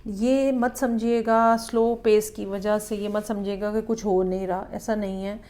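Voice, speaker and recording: A woman giving a weekly tarot horoscope reading in a measured, explanatory way, often checking in with the listener. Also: medium pitch, fairly even intonation, mellow. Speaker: tarot reader.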